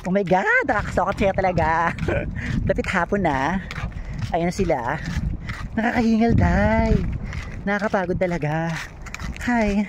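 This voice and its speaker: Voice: mid-range voice, a little slow, noisy background. A vlogger with a Filipino accent, chatting through a casual travel vlog, playful and exclaiming, often out of breath.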